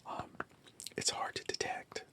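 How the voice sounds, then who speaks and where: Slow, whispering ASMR food-tasting host.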